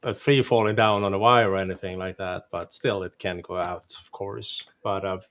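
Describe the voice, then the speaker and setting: A man's voice: deep voice, fairly even intonation, moderate pace, fairly bright tone. A man giving a casual, informal technical explanation on a live stream. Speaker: tech presenter on a live stream. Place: live stream during a thunderstorm. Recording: clearly noisy live-stream connection.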